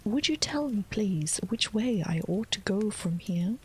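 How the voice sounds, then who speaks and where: A woman's voice: medium pitch, lively intonation, a little slow, husky, rough recording. A woman whispering the part of a polite, curious young girl in a storybook reading, timid and inquisitive. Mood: timid, puzzled.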